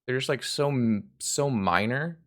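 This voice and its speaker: A man's voice: medium pitch, a little slow. A hungover man giving rambling, self-deprecating live commentary on a card game stream, swearing casually.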